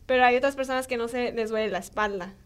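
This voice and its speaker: High-voiced young Mexican woman storyteller. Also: fast talker, clean tone. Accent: Mexican Spanish. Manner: animated storytelling, acting out dialogue, frequent fillers. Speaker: podcast guest. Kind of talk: casual chat.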